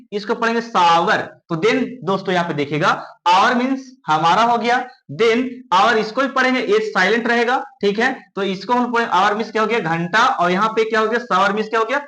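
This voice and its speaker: A man teaching English pronunciation in Hindi at a board. He asks a question and answers it himself, drawing words out slowly. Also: sits high, pushed and bright, reverberant. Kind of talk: classroom lesson at a board.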